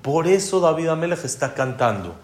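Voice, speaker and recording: A man teaching a religious lesson to a live audience, telling stories with animated rhetorical questions. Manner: animated, quick pitch swings, asks rhetorical questions. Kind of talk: sermon-style storytelling to an audience. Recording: echoey room.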